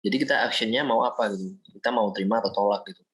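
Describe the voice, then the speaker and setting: A young man from Indonesia, a student, explaining a software project step by step in a screen-recorded walkthrough, often pausing with fillers. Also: lowish voice, low-quality recording. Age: young adult. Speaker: student presenting a project demo.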